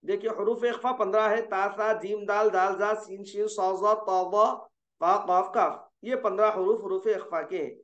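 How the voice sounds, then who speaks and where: High-voiced male recitation teacher, echoey. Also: fairly even intonation, fairly bright tone. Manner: explains patiently, asks checking questions, slows for drawn-out examples. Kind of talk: online tajweed lesson. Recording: dull, echoey room sound.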